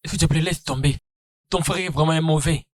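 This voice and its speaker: A man's voice: fairly high pitch, fairly even intonation, brisk, no echo, natural voice. A curt, dismissive man who tells someone not to call again, voiced by a man in a dubbed film. His sound is dry and close. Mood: annoyed.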